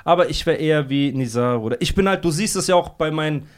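A man's voice: on the high side, fast, clear, resonant tone. A man guesting on a podcast, trading jokes in casual chat and calling everyone brother. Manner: joking banter, says "Bruder" constantly.

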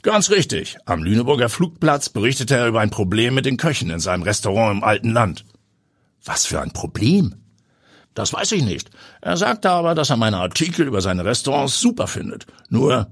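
A man voicing a confident, daring journalist and pilot who speaks in a brisk, energetic, self-assured way. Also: mid-range voice, breathy edge, no echo, studio quality, pitched above the performer's own voice. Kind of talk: audiobook character voice.

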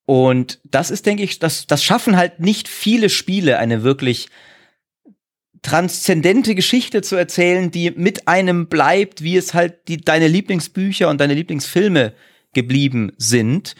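A man in a podcast discussion, arguing in an animated, lively way with restarts. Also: fairly high pitch, a little slow.

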